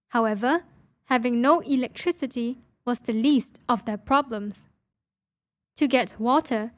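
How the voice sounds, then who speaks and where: A woman narrates a simple storybook passage for a listening test. She reads slowly and clearly, with a fairly high voice and careful pacing.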